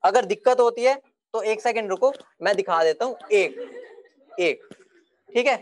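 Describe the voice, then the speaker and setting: A man's voice: high-pitched, normal speed. Chatty male chemistry teacher lecturing. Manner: chatty, repeats himself, hushes the class. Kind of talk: classroom lecture.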